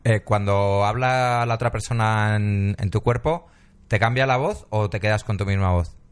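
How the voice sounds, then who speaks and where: Male co-host, lowish voice, courteous and curious questioner. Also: moderate pace, clean tone. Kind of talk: casual interview.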